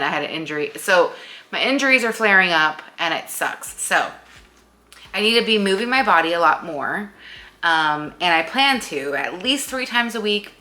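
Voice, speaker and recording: Chatty woman in her late thirties, bright tone. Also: deep voice. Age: late 30s. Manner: chatty, rambling with many fillers. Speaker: vlogger. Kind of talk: casual chat. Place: at home.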